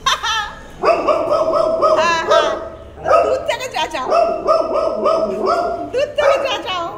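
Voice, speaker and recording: A woman's voice: very high voice, sing-song, slow, in a large hall, a loud crowd. A woman talking to her dogs outdoors in coaxing, sing-song baby talk. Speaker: dog owner filming her pet. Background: dogs barking.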